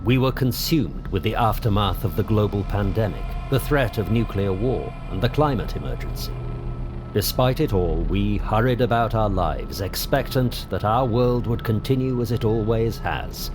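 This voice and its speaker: A British man narrating a story in a measured, dramatic reading. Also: lowish voice, lively intonation, music in the background. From Britain. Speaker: author and narrator.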